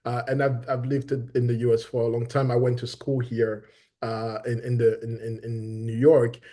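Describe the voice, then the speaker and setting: A man's voice: medium pitch, little pitch movement, moderate pace, warm tone. A middle-aged man from Benin introducing himself eagerly in an online meeting over a video call, often repeating words. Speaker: new team member introducing himself.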